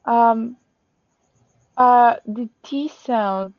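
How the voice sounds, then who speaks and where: Slow, hesitant student with a Mexican accent. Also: female voice, a little high, dry recording. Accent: Mexican Spanish. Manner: hesitant, asks questions slowly. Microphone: video call. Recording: dry, slightly muffled video call audio.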